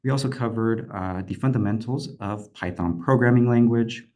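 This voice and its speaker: A young man, a PhD candidate, presenting an online lecture in a steady, explanatory way. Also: medium pitch, moderate pace. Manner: steady, explanatory, occasional fillers.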